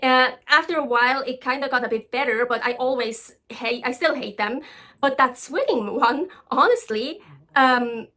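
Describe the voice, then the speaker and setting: A woman's voice: high voice, normal speed, pushed and bright. A woman from Switzerland telling casual stories to camera as a vlogger, chatty with many ums and restarts. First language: Swiss German.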